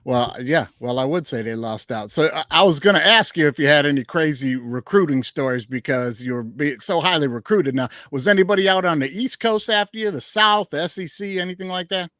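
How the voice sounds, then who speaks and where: Man, podcast host, casual sports chat, slightly high voice, dry close sound. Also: brisk, few pauses, a bit bright, dry recording. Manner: chatty, loose, drops a mild curse.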